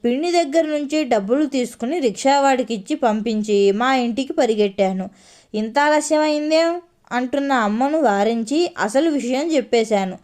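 A woman narrating a humorous story in an unhurried, conversational way. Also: a little high, a little mellow.

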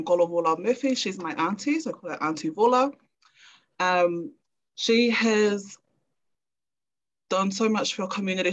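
A young woman giving a semi-formal, halting introduction from notes on a video call. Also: lowish voice, low-quality recording. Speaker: research librarian introducing a guest.

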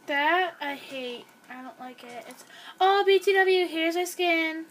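Filmed by a camera pointed at a screen, this gameplay host is a young woman who chats casually and rambles while playing. Her voice is very high and unhurried.

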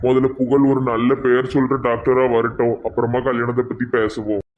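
A man's voice: medium pitch, level tone, brisk, narrow, tinny audio, slight background noise, natural voice. A man playing a grieving, stern middle-aged widowed father with a Tirunelveli Tamil accent, speaking earnestly. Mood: sad.

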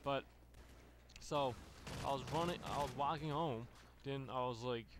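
A gaming channel host with a mid-range voice tells a long, rambling, profane story at a measured pace over gameplay, restarting often and using lots of fillers. Video game gunfire and other background noise sound behind him.

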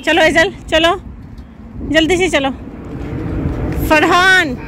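A woman, a mother and family vlogger, chatting casually to camera and talking firmly but gently to her kids. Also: extremely high pitch, takes it slowly. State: tired from walking. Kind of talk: casual vlog chat. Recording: noisy background.

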